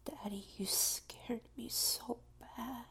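Shaken and tearful, a woman plays a submissive, clingy lover for an intimate audio roleplay. She speaks in a breathy, creaky whisper full of halting repetitions, using a full character voice that's on the high side and a bit bright.

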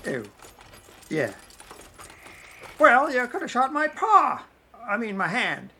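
A woman's voice: on the high side, wildly swooping pitch, takes it slowly, pushed and bright, a little hiss or hum, exaggerated voice. A woman playing a cantankerous, lecherous old male prospector with folksy Western talk in a comic audio drama. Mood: grumbling, cantankerous.

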